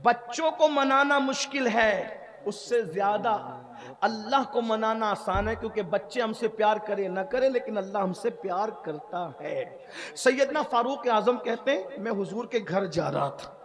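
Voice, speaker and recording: A man giving an impassioned, tearful sermon as an Islamic preacher at a religious gathering. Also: high voice.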